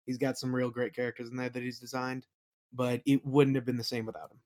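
A man with a mid-range, slightly mellow voice speaks fast in a flat delivery. Interviewed as a podcast guest, this game master and audio play creator chats casually in an informal, enthusiastic way.

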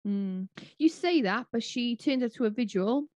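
A woman's voice: a little high, lively intonation, moderate pace, darkish tone, dry recording. Opinionated woman, dry close sound. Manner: opinionated, cynical, frequent restarts. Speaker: podcast co-host. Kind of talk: casual chat.

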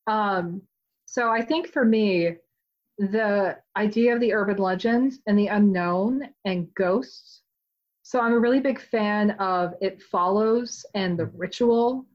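Woman author, chatty and animated, mid-pitch voice, slightly muffled lo-fi sound. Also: slow pace. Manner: chatty and animated, many "like" fillers. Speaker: author being interviewed. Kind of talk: casual interview chat.

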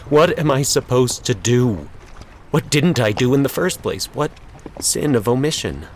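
A man's voice: medium pitch, lively intonation, a little slow, a little hiss or hum, voice pushed up, close to an everyday voice. A man voicing a desperate man stranded on a flooded rooftop, asking anguished, pleading questions.

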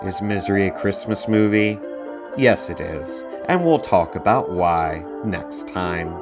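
Man, lowish voice, podcast host, casual reviewing style, conversational, emphatic, faint music behind. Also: lively intonation, unhurried.

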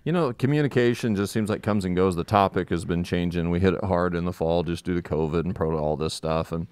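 A man's voice: low-pitched, fairly quick, darkish tone, smooth, no echo. A man speaking informally on a live school update, explaining things loosely, his voice slightly muffled by a face mask. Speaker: school administrator co-hosting a community update. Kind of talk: informal live podcast talk.

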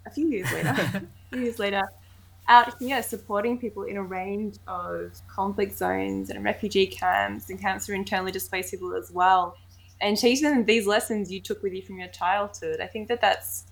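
A woman's voice: mid-range voice, fairly even intonation, normal speed, gravelly. A woman hosting a podcast interview, asking questions and responding to her guest with enthusiastic affirmation. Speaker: podcast host.

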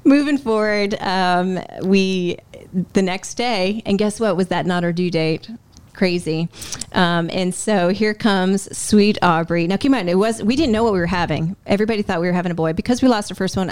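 A woman with a fairly low, smooth, clear voice tells her life story as an interview guest. She talks candidly and conversationally, full of "um" and "like", and jumps up in pitch to act out what she was thinking. The sound is close and dry. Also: moderate pace, no room sound. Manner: lively, acts out her own past thoughts in a higher voice; frequent "um" and "like", self-interrupting.

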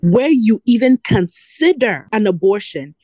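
A woman in casual chat as a podcast host, animated and laughing often, with slangy asides. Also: medium pitch, unhurried, dry recording.

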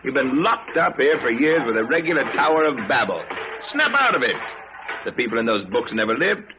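An actor playing a hard, cynical fire captain in a radio drama, sardonic and given to barking orders. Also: male voice, mid-range voice, very animated, a little fast, background noise, lightly acted. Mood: impatient, commanding. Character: hard, commanding, cynical fire captain who burns books. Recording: slightly dull radio drama recording.

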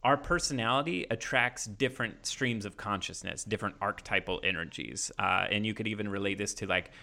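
A man's voice: fairly low pitch, brisk, vocal fry, sharp tone. A man in his thirties hosting a casual chat, musing in a laid-back way and laughing easily. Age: 30s.

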